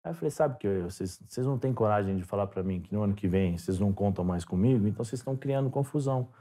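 A Brazilian former footballer, a guest on a podcast, telling stories in a relaxed chat and acting out the dialogue as he goes. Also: on the low side, very fast. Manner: animated storyteller, acts out dialogue. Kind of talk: casual storytelling interview.

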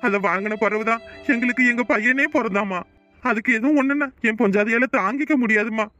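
A man's voice: very high voice, brisk, sharp tone, dry recording, dull audio, soft background music. A man voicing a poor village cowherd who pleads and wails in a cartoon. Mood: anguished. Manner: pleading, wailing. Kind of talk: cartoon voice acting.

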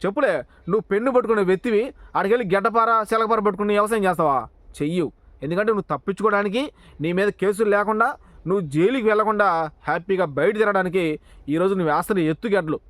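Man, political commentator, rapid-fire confrontational rant, high voice, dry close sound. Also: fairly bright tone, dry recording. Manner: confrontational, addresses the target directly with rhetorical questions. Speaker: political commentator, channel owner. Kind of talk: heated political monologue.

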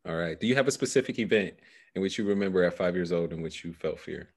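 Over a video call from a small room, a low-voiced male coach talks fast and huskily through a headset mic. He is guiding a client through meditation as part of a coaching session.

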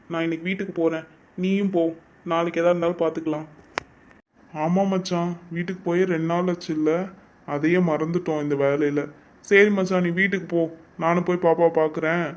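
A man's voice: a little high, darkish tone, lightly acted. A man voicing a casual young man chatting with his friend about work, in a cartoon. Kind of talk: cartoon voice acting.

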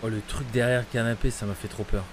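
A man's voice: fairly low pitch, fairly even intonation, fast, noisy background. Chatty man streaming a horror game. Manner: chatty, swears, greets chat viewers by name. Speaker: gaming streamer. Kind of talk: live gameplay commentary.

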